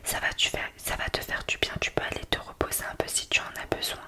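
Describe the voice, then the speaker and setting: A woman speaks entirely in a hushed library whisper, breathy and unvoiced. She tells a story in ASMR style, informally and conversationally, pausing and hesitating as she goes. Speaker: ASMR video creator.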